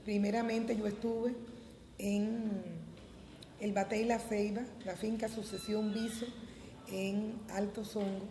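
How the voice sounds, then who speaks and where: An older Cuban woman recalls her past in a documentary interview, speaking steadily with frequent hesitant pauses. Her mid-pitched voice rings in a roomy, echoey space with a long tail. Steady background noise sits under it. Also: vocal fry. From Cuba. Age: 70s. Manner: measured recollection with frequent hesitant "eh" fillers. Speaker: interviewee, former volunteer teacher.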